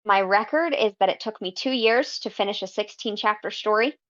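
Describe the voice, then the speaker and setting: Thoughtful woman guest chatting about her writing, relaxed and unhurried, muffled lo-fi audio. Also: medium pitch. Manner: unhurried, thoughtful, frequent ums. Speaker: guest fanfiction writer. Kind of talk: casual podcast interview. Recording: slightly dull lo-fi audio.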